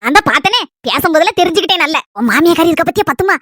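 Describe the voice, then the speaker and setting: A woman's voice: very high-pitched, expressive, rapid-fire, sharp tone, slight background noise, heavily acted. A woman voicing a chatty, doting old village grandmother in a comedy skit, with a Kanyakumari Tamil accent and fond, rambling talk. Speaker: grandmother visiting her married granddaughter.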